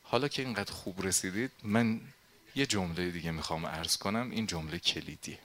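A man's voice: deep voice, fairly bright tone. A male preacher telling a religious story in a dramatic, impassioned sermon.

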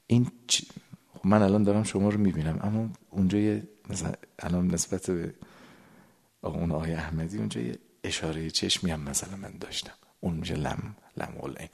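A man's voice: deep voice, gravelly, a little mellow, breathy edge. A man giving a sermon to a gathered audience, explaining a prayer text, stretching his words and sometimes dropping to a whisper. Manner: drawn-out words, sudden drops to a whisper. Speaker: religious lecturer.

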